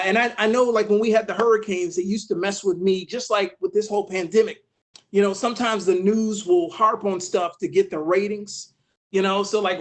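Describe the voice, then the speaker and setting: A man from Savannah, Georgia, doing a stand-up comedy set for an online webinar, animated and acting out voices with sudden loud bursts. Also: high-pitched.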